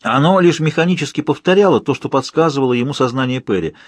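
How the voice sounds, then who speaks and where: A man tells a first-person story in a steady, measured way. His voice sits at an ordinary pitch with a husky, slightly breathy grain. The recording is close and dry. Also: dry recording. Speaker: audiobook narrator. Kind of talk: first-person audiobook narration.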